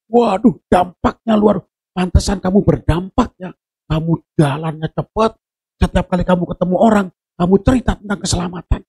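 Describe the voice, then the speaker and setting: A man preaching a sermon in a church service, his high voice husky with a gravelly edge. He tells stories with jokes, drops to low murmurs and then rises to shouted preaching, and his pitch leaps all over. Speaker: pastor.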